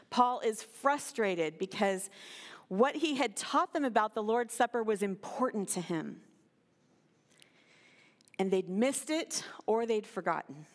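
A woman with an American accent giving a guest sermon in a church, talking conversationally and addressing the children and congregation directly. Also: mid-range voice. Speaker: guest preacher. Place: church sanctuary. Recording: long hall reverb in a church.

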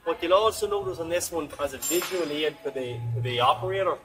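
A man's voice: fairly high pitch, fast talker, a bit bright, soft background music, rough recording. An older man with an explanatory manner, often repeating words as he starts a sentence, describing equipment during an interview in a large warehouse, recorded by a nearby 360 camera. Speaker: forklift dealer expert. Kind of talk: on-site demonstration interview.

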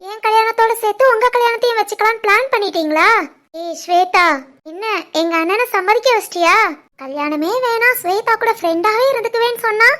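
A woman voicing a teasing, playful young sister in an animated family story. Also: very high-pitched, fairly quick. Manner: teasing, giggly.

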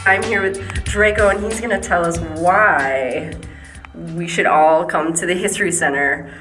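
A woman's voice: fairly low pitch, unhurried, a bit bright, roomy sound, faint music behind. A woman hosting a local show, asking an interviewee friendly questions. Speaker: host. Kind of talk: casual interview. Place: dark stone-walled haunted attraction, indoors.

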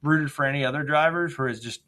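A podcast co-host with a voice on the high side talks fast, in a bright, forceful tone. He asks questions in a casual, enthusiastic interview chat, throwing in slangy exclamations.

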